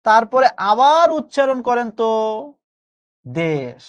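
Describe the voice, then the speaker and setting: Young man teaching Bangla grammar, slow. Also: sits high, animated. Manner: coaxing, repeats key phrases slowly for emphasis. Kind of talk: live online class lecture.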